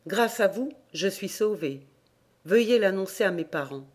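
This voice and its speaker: Brief: man reading a humble, grateful young ghost woman, soft-spoken, audiobook tale. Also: high-pitched, lively intonation, normal speed. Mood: gentle.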